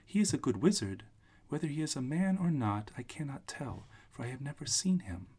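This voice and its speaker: Man as kindly old storybook witch, raised pitch, slightly rough voice, solemn, explaining gently. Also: sing-song, brisk. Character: kindly little old woman, a good witch. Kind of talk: storybook read-aloud.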